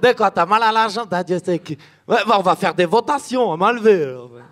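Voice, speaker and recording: A man's voice: sits high, lively intonation, brisk, fairly bright tone. A man voicing a bumbling Swiss Moses who addresses his people with a Swiss French accent and many fillers. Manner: hesitant, with a filler after each phrase.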